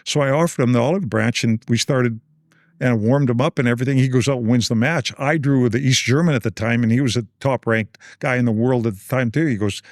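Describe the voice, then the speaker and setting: A man in his sixties from Canada, a guest telling animated anecdotes in a casual interview and acting out other people's lines. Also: medium pitch, fast, dry recording, clean studio sound.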